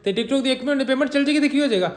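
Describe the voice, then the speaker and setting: A young man with a Punjabi accent, teasing his mother in a family prank vlog. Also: racing. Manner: teasing, swings between loud and low. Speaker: vlogger son. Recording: echoey room.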